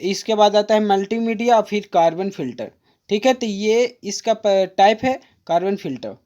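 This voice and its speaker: A woman tutor talks students through a diagram in a mellow, warm voice, patient and repetitive. She addresses listeners as friends and slows right down to read out textbook definitions. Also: mid-range voice, lively intonation, dull audio. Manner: patient, repetitive, addresses viewers as friend, mixes in English terms; reads English definitions aloud slowly. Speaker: diploma course tutor. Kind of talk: exam-prep lecture, explaining a diagram.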